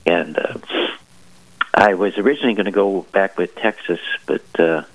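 A middle-aged man calls in over the phone, his voice low and dry. He answers in a halting, casual way, full of fillers and restarts, and sometimes chuckles. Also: dry recording, low-quality recording. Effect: heard over the phone. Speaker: priest and army chaplain, radio guest.

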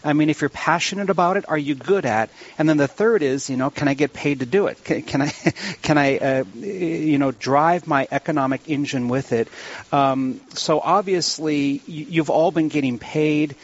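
A man's voice: fairly high pitch, normal speed. Male radio host, dull band-limited sound. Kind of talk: live radio round-table interview. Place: live remote broadcast from a church.

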